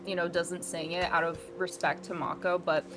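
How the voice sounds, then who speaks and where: Woman, casual chat, group call, laughs easily, clear music in background. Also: lowish voice, level tone, moderate pace. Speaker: podcast co-host.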